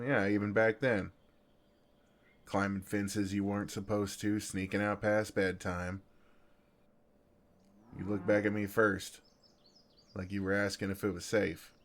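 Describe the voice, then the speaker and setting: A lowish, vocal-fried male voice with a Southern US accent plays a gentle, flirtatious farmhand in an intimate ASMR roleplay. His drawl is easygoing, folksy and soothing.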